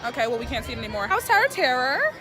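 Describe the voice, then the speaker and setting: A woman's voice: sits high, very animated, rapid-fire. Dramatic young woman vlogging at a park. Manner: dramatic, exaggerated and joking. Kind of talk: casual vlog chat. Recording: loud park music and crowd behind.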